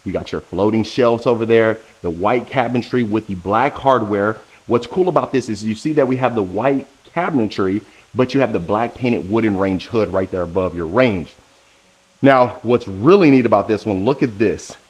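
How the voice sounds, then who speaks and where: A man's voice: fairly low pitch, normal speed. Enthusiastic man giving a house tour. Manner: enthusiastic, salesy, addresses viewer directly. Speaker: home tour host. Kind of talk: walkthrough house tour narration. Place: indoors, new model home.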